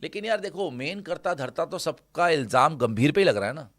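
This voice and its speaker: A man's voice: fairly high pitch, animated, brisk, dry recording. A man hosting a casual cricket talk show, blunt and opinionated, mocking critics.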